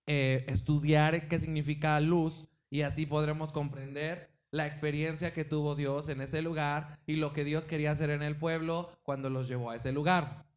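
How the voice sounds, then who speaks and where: Emphatic preaching man, fairly high voice. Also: fairly even intonation, moderate pace. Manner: emphatic preaching with rising, falling volume and repeated exclamations. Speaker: pastor. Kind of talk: sermon. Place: church service.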